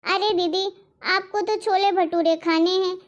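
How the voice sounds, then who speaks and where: A woman voicing a meek, polite young wife in a cartoon, speaking in a soft, pleading, conciliatory way. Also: very high-pitched, fairly even intonation, a little slow, muffled recording. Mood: placating. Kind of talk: animated cartoon voice acting.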